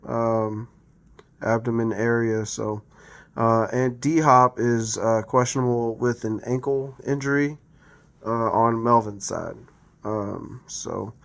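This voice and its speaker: A man giving a casual, unscripted sports league recap, rambling with lots of ums and uhs and correcting himself as he goes. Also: medium pitch. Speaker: fantasy football league recap host.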